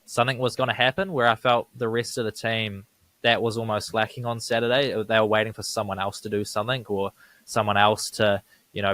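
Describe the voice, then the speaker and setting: A man's voice: lowish voice, fairly bright tone. A man, co-hosting a casual sports podcast, talking conversationally and checking in with tag questions. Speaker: podcast co-host.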